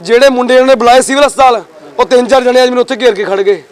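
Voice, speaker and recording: Man, rapid high-voiced agitated complainant, outdoor street interview. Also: steady tone. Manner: agitated, retells quarrels with quoted speech. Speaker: complainant in a neighbour dispute.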